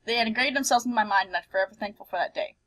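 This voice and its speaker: Hosting a let's play, a playful, expressive woman alternates between reading game text aloud and chatting casually. Her voice is mid-range and she talks at a racing pace.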